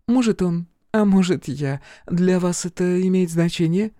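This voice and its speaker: A woman's voice: on the low side, a little slow, warm tone, dry recording, studio quality, lightly acted. A woman voicing a capricious, manipulative young woman who swings between coaxing and accusing, in audiobook character acting. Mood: evasive. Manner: theatrical, wheedling and accusing.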